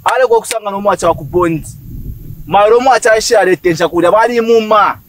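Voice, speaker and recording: Fast, high-voiced man scolding from afar. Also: a bit bright, far from the mic. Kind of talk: amateur film acting.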